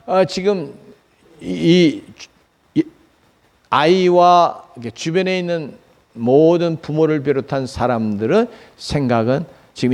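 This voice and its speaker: A male pastor with a fairly high, darkish voice preaches a Sunday sermon in a church sanctuary. He poses rhetorical questions and answers them himself, using many fillers.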